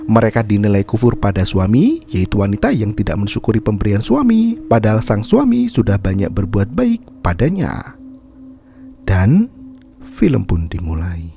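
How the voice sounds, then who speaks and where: A man recaps a film in a scripted, dramatic narration. His voice is dark, mellow, and gravelly, swinging widely in pitch. Faint background noise runs beneath him.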